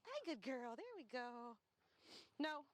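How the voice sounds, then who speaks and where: A woman dog trainer talking casually as she walks outdoors, explaining each step and breaking off to give quick praise and corrections. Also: sits high, big pitch swings, background noise. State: slightly winded from walking. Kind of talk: casual instructional talk while walking a dog. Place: outdoors on grass.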